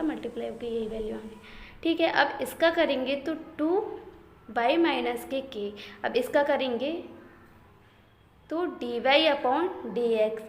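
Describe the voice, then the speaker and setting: A woman teaching math step by step, often asking the class a question and checking they follow. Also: high voice. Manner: slow, step-by-step, repeated questions and "theek hai" checks. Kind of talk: blackboard math lesson in Hindi-English mix. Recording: echoey room with faint ambient noise.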